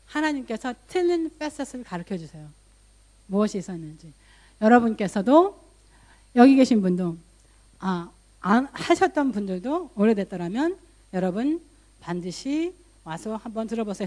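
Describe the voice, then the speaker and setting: A woman pastor preaches in a relaxed, story-driven manner, mixing English loanwords into her talk. Her voice sits a little high for a woman, and she lifts it further when she voices her own prayers. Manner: conversational storytelling, voice rising for quoted prayers; mixes English loanwords into speech. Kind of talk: sermon.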